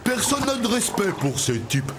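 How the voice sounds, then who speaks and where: A man's voice: sits high, very animated, moderate pace, noisy background. An actor voicing a dim, easygoing male cartoon character who grumbles with scorn. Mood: scornful. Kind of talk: exaggerated cartoon voice acting.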